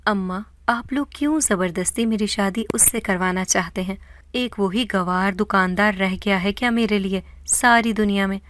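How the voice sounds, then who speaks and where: A woman's voice: medium pitch, fairly bright tone, no room sound, close to an everyday voice. A woman voicing a defiant young woman refusing a forced marriage, speaking emotionally in a storybook tale. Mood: tearful.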